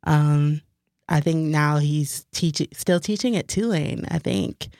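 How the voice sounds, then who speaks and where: A woman's voice: low voice, measured pace, darkish tone, no room sound, studio quality. A woman poet from Detroit answering interview questions in a chatty way, with many "like"s and "um"s. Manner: chatty, frequent "like" and "um".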